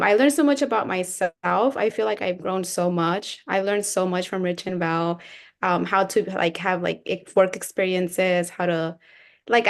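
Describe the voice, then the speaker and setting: A young woman from Southern California speaks as a guest on a radio talk show. She talks earnestly about her experience, with many filler words, in a mid-pitched voice. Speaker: guest, program fellow. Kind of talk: casual interview.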